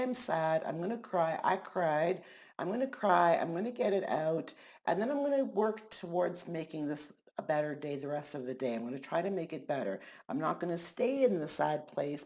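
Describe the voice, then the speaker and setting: A woman's voice: lowish voice, darkish tone. A middle-aged woman talking candidly in a casual vlog as an angel card reader, frank and swearing freely. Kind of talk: casual personal vlog talk. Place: living in Mexico.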